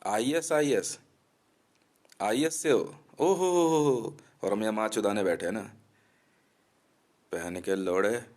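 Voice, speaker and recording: A man delivering a threatening, abusive rant to the camera in an aggressive, mocking manner. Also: low-pitched.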